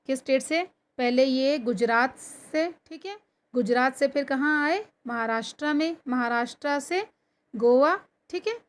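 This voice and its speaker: A woman teacher with a high voice records a lesson for her pupils. She reads each textbook line slowly and deliberately, then breaks it down in Hindi. She often asks the students questions and checks in with them as she goes. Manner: often checks in with "theek hai". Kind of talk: recorded online lesson explaining a textbook chapter. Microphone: computer or phone screen recording.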